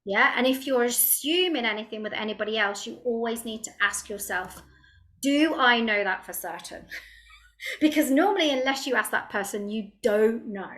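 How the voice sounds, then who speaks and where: A middle-aged woman coach teaching a casual online workshop, chatty and animated, with lots of fillers and frequent laughs. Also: fairly high pitch, normal speed.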